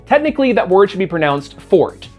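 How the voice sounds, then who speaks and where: A man's voice: high-pitched, sing-song, fairly quick, highs cut off, faint music behind. An American man hosting a scripted video essay with a sarcastic, self-mocking know-it-all manner. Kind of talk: scripted commentary.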